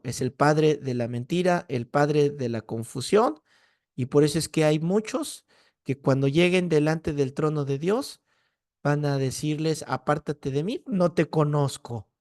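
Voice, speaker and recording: Male Bible teacher, Mexican Spanish accent, animated classroom lecturer who keeps checking in with his students, raised pitch. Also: no room sound, clean studio sound. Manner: lively storyteller, rhetorical "¿no?" tags.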